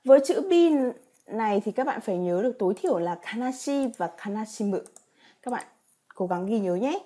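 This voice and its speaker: A Japanese teacher with a medium-pitched, warm voice and lively intonation teaches a vocabulary lesson at a fairly quick pace. She reads example sentences, then patiently explains each one with rhetorical check questions.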